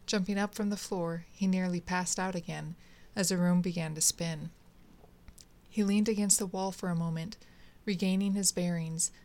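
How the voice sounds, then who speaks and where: A woman narrating a short story aloud in a steady, measured way. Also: lowish voice.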